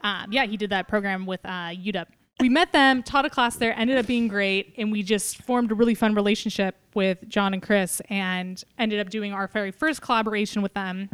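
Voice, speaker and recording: A woman's voice: medium pitch, fairly even intonation, normal speed, a bit bright, smooth, no room sound. A woman co-hosting a podcast, chatting casually, laughing often as she tastes beer and reminisces. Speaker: podcast co-host. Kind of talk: casual chat.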